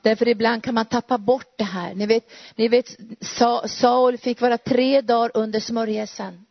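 A woman's voice: fairly high pitch, fairly even intonation, no room sound, highs cut off. A woman preacher and Bible teacher giving a fervent sermon, full of rhetorical questions and repetition.

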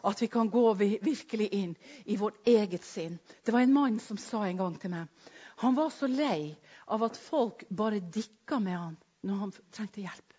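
A woman preaching a sermon with emphasis, swinging between loud declarations and hushed storytelling. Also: mid-range voice, breathy edge. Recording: dull lo-fi recording.

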